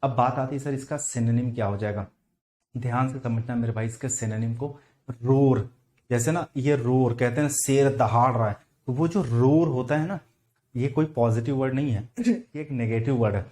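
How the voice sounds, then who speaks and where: A male English teacher with a Hindi accent giving an online vocabulary lesson for exam students, explaining slowly, spelling out words and putting questions to the class. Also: medium pitch, dark tone.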